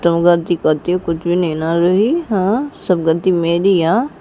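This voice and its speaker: A woman's voice: fairly low pitch, unhurried, warm tone, slight background noise, close to an everyday voice. A woman voicing a young woman in a lovers' quarrel, first begging forgiveness, then scolding and pressing with repeated questions. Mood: reproachful. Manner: keeps asking "haan?" insistently.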